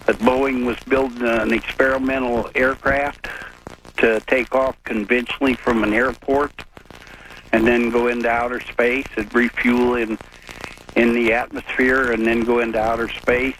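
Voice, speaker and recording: A man's voice: mid-range voice, little pitch movement, moderate pace, fairly bright tone. An American man chatting casually as a caller to a radio show. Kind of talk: casual chat. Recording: noisy call to radio show.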